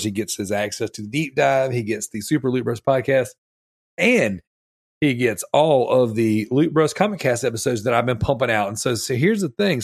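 Sick with strep throat, a podcast host mouth-breathes through a rambling, enthusiastic casual chat full of loose slang. His mid-range voice is wheezy, congested and snotty. The recording is studio quality with no room sound.

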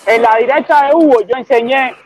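A man's voice: very high-pitched, a little fast, rough recording. A man with a Cuban accent arguing heatedly on a live stream, repeating his points and talking over the others.

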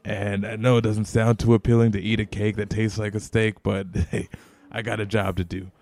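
A man's voice: fairly low pitch, little pitch movement, moderate pace, darkish tone, close to an everyday voice. A man playing a crude, menacing male chef who leans in close and swears while he talks. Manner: swears constantly, looms close and intimidates. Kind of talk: comedy sketch acting.

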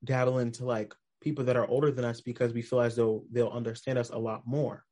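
A man's voice: mid-range voice, level tone, fast, dark tone. Young male podcast guest, plain mid voice, casual, stacks rhetorical questions.

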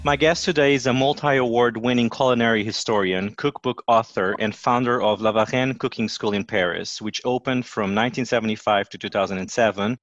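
A man's voice: mid-range voice, fairly even intonation, brisk, hardly any pauses, a bit bright, no echo, dull audio. A middle-aged man from Portugal with a Portuguese accent, hosting a podcast interview in an upbeat, playful way. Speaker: podcast host.

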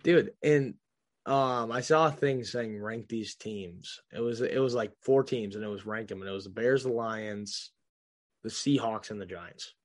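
A young man co-hosting a casual sports podcast, heated and swearing, swinging from low mumbles to loud rants. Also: unhurried. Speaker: podcast co-host.

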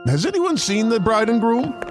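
Solemn wedding officiant. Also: male voice, very high-pitched, big pitch swings, moderate pace. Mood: ceremonial. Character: flustered wedding officiant, middle-aged man. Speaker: ad voice actor. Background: music.

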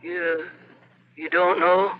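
Radio drama: cryptic old lawyer, high-set deliberate voice, lo-fi broadcast. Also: male voice, flat delivery. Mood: ominous, cryptic. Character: penny-pinching old Irish solicitor, guarded and foreboding. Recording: muffled, faintly noisy old radio.

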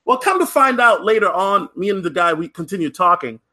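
Lively high-voiced man telling a story. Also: fairly quick. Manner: chatty, many fillers and restarts, frequent "right?"; lively, acts out other people's lines. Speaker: podcast host. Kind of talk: casual storytelling monologue.

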